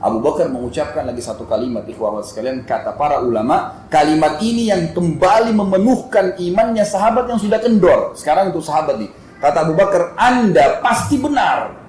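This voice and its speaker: A man preaches in a slightly high voice, telling a story vividly and acting out its quotes. His voice echoes through a roomy mosque hall, with a faint background ambience. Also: fairly quick, darkish tone, slight background noise. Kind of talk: sermon storytelling.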